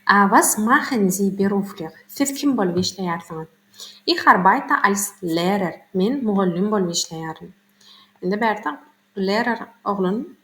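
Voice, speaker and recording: A woman teaching German vocabulary. She reads each phrase slowly, then translates it quickly into her native Turkmen. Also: medium pitch, fairly bright tone, echoey room. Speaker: hobby German tutor. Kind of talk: bilingual vocabulary lesson.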